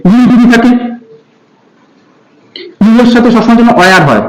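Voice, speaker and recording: A teacher with a Bengali accent and a high, light voice explains grammar step by step to school pupils. She repeats each rule patiently and keeps checking that the class follows. The recording sounds echoey, as if made in a bare room. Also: lively intonation, normal speed, darkish tone, faint music behind. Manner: patient, repeats key terms, asks checking questions. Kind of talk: grammar lesson for school students.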